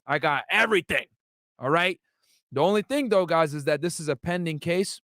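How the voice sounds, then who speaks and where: A man's voice: on the high side, moderate pace, a bit bright, dry recording, clean studio sound. Chatty young man hosting a livestream. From United States. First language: Arabic. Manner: chatty, many fillers and asides to viewers. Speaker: livestream host. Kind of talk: casual livestream commentary.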